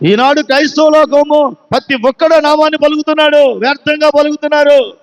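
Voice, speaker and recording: High-voiced preaching man, echoing hall. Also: steady tone, a little fast, lo-fi sound. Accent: Telugu. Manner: preaching with rhetorical questions; emphatic, repeats phrases. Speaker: pastor. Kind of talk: sermon.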